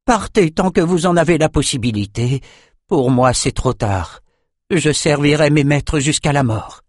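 A man's voice: fairly high pitch, measured pace, no room sound, studio quality, voice pushed up. A man voicing a frightened old male kitchen slave in an audiobook, speaking hesitantly and fearfully.

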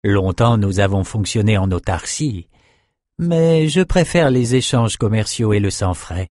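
A man's voice: lowish voice, expressive, a little slow, a little mellow, dry recording, studio quality. Maxime, a man doing a smug chief sorcerer. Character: smug older male chief sorcerer, scheming.

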